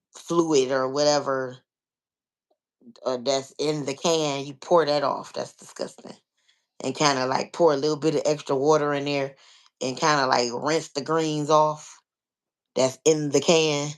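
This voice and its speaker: An American vlogger chatting casually with listeners, explaining things step by step and often leaning on filler phrases like "you know.". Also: mid-range voice. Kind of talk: casual chat, answering listeners.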